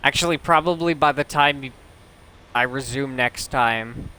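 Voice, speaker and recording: A man streaming a game live, chatting casually with slow, rambling commentary full of restarts and swearing. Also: medium pitch, pushed and bright, clear, resonant tone.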